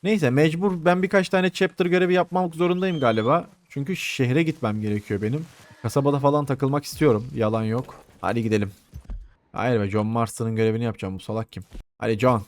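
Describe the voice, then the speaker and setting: A man's voice: mid-range voice, a little fast. Swearing Turkish-style chatty gamer man. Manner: chatty, swears playfully, talks to game characters; soothing coos to a horse. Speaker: gameplay commentator. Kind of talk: casual Let's Play commentary.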